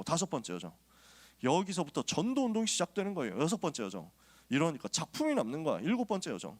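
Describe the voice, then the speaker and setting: A male pastor preaching to a youth group, telling personal stories in a casual, joking way before urging his listeners on. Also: sits high. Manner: lively storytelling, casual and joking, then exhorting.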